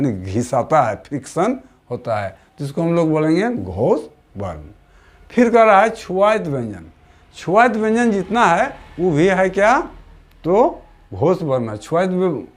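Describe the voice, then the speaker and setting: A man teaching a grammar lesson for exam prep. He keeps asking the class questions, answers them himself, and stretches key sounds out slowly. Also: sits high. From Jharkhand.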